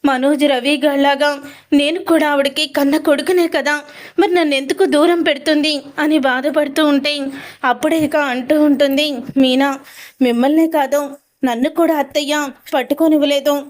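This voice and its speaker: A woman's voice: high voice, fairly even intonation, moderate pace. A woman retelling a TV serial episode, narrating the story and reading out each character's lines in quotes. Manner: recounts dialogue in quotes with frequent "ani antu untundi" tags.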